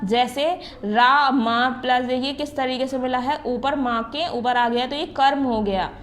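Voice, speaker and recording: Woman teacher, fairly high voice, patient explainer who drills letter sounds one by one, light hiss under the recording. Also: steady tone. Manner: explains step by step, repeats terms, sounds out letters slowly; often checks in with the class. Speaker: school teacher. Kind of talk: recorded Hindi grammar lesson.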